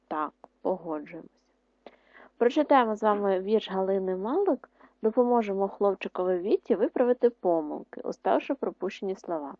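Woman teacher dictating slowly to kids. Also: medium pitch, no echo, dull audio. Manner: slow, clear dictation, repeating words. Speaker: primary school teacher. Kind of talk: online lesson for second graders.

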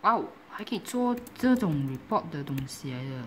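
A woman gives casual commentary while she plays a game. She giggles often and breaks into excited exclamations. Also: sits low, fairly quick, slight background noise. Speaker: gaming YouTuber.

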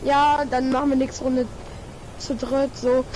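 A high-voiced woman streaming a game with a friend, talking in a loose, chatty way between callouts. Her tone sits bright and upward, and she keeps a running commentary while playing. A faint hiss sits under her voice. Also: flat delivery, measured pace. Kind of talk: casual gaming chat.

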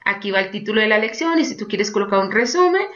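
A woman teaching an online course through a screen-recorded software tutorial, chatty, constantly saying "look" and checking in with "ok?". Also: medium pitch, lively intonation, fast, dull audio. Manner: chatty, keeps prompting with "mira" and "¿ok?".

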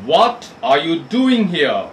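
A man voicing a selfish, grumpy male giant from a storybook, reading his lines slowly and gruffly. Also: fairly high pitch, wildly swooping pitch, distant mic, slight background noise, full character voice, rough recording. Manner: gruff, slow and emphatic.

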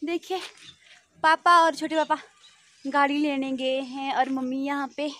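A young Himachali-accented woman speaks in a high, light voice while she vlogs from home. She chats loosely and often corrects herself mid-sentence, talking into a phone she holds in her hand. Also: fairly even intonation, a little slow, fairly bright tone. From Himachal Pradesh, India. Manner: chatty, rambling, self-correcting. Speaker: family vlogger. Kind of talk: casual home vlog.

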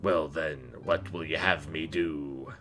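Man doing a very deep, calm samurai. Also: exaggerated voice. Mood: calm, firm. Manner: measured, resigned. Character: calm, honorable young male samurai warlord. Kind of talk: visual novel character dialogue. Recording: background game music.

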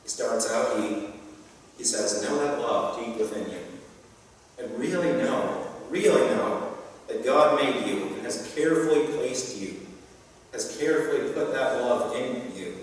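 Heard from a distance through a pulpit microphone in an echoey sanctuary, a young pastor delivers his sermon at a measured pace in a medium-pitched voice. He's earnest and encouraging, slipping in some light humor, and there's a little hiss or hum on the recording.

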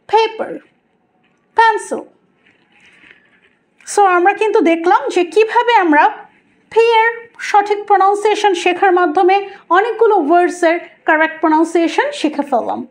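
A woman with a Bangladeshi accent, a native Bengali speaker, teaching English pronunciation and repeating each word slowly to contrast wrong and right. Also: extremely high pitch. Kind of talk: teaching lesson.

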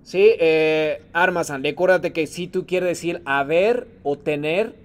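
A man's voice: on the high side, slow pace. A man teaching a Japanese class in Spanish, patiently calling on students by name and mixing Japanese phrases into his explanations. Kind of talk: online class lesson.

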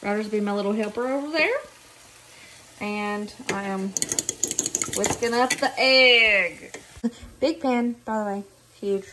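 Speaking slowly with long pauses, this mid-range vlogger has a sharp tone, and a faint hiss or hum sits under the recording. She's a woman in her thirties with a Southern US accent, chatting cheerfully as she narrates her cooking in a home kitchen vlog.

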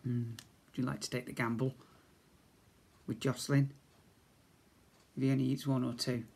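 In a small indoor school office, a British man in his fifties who teaches infants reads comic rhymes to young kids expressively, chatting between lines. His mid-range voice shows little pitch movement and moves at normal speed, with a gravelly, husky, slightly mellow quality. The microphone is a device camera held at arm's length.

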